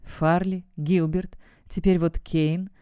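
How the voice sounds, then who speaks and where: A woman's voice: lowish voice, little pitch movement, slow, warm tone, smooth, no room sound, studio quality. A woman reading the lines of a hot-tempered young male guard who talks bluntly and scornfully. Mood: scornful, heated. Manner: blunt, sneering remarks.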